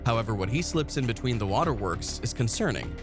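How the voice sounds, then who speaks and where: A man's voice: medium pitch, expressive, quick pace. Guy doing grave true crime voiceover, mid voice, music under it. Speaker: narrator. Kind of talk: scripted true-crime narration. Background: background music.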